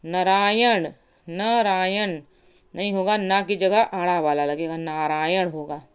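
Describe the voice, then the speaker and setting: A woman teaching a Hindi spelling lesson, slowly repeating and spelling out each word. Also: fairly low pitch, steady tone, clean tone. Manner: slow, deliberate, repeats and spells out words.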